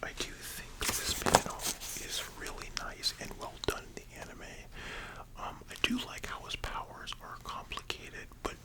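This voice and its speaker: A young adult ASMR host chatting about anime in a soft, sleepy library-style whisper, informal and rambling with casual asides. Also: normal speed, rough recording.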